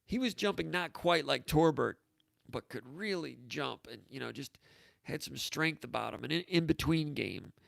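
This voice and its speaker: A man's voice: on the high side, animated, moderate pace, vocal fry, fairly bright tone, no room sound. A man hosting a casual sports talk show, telling stories in a rambling, anecdotal way, with frequent restarts. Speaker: host.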